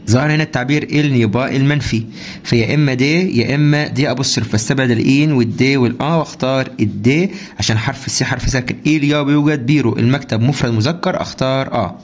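An Egyptian man teaches at a brisk clip, working through homework answers one after another. His voice sits at a medium pitch, and he keeps prompting the class with quick rhetorical questions. Faint noise hums behind him. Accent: Egyptian Arabic. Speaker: French teacher. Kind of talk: homework walkthrough lesson.

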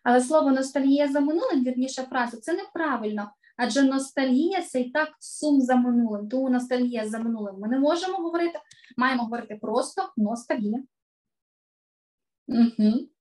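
Middle-aged woman voice coach, high pitch, online class, emphatic and clear. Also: fairly quick, darkish tone. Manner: clear, emphatic teacher delivery, stresses key words. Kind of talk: online lesson to children.

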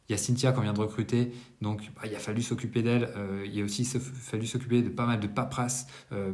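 Frequent hesitations and self-corrections mark the conversational monthly business debrief this man in his thirties delivers to camera. His voice sits on the low side, and he's filming indoors in a bright apartment room.

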